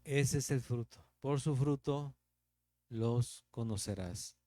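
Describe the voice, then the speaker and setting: A man's voice: medium pitch, takes it slowly, dark tone, dry recording, studio quality. A man with a Mexican Spanish accent teaching the Bible verse by verse as a pastor, in a conversational preaching manner with rhetorical questions.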